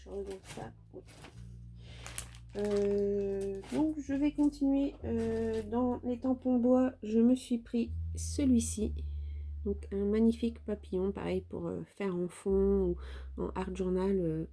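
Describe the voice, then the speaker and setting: A French woman shows off her craft purchases in a casual, hesitant way, often pausing on fillers and stumbling over words. Her voice is very warm and mellow. A faint hiss sits underneath. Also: mid-range voice, steady tone. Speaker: craft vlogger. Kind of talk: casual show-and-tell haul.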